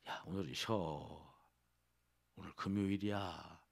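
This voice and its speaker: A man voicing a devil who whispers taunts into a believer's ear, speaking in a low, coaxing murmur. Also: fairly even intonation, slow, creaky, breathy edge, full character voice.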